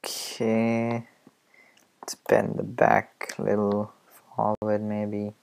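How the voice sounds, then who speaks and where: Slow, rambling man muttering through a tutorial. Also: fairly low pitch, monotone, creaky, clean tone. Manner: rambling, hesitant, mutters quiet asides to himself. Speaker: animation tutorial maker. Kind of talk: casual screen-recorded tutorial.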